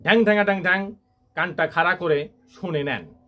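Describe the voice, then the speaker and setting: A man's voice: sits high, fairly quick, music in the background, natural voice. A man playing a parody news anchor, reading absurd bulletins with mock seriousness. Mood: mock-serious.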